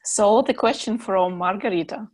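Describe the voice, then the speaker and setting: A woman's voice: mid-range voice, moderate pace. Polite woman relaying a chat question. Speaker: chat moderator and interpreter. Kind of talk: reading out and translating a question.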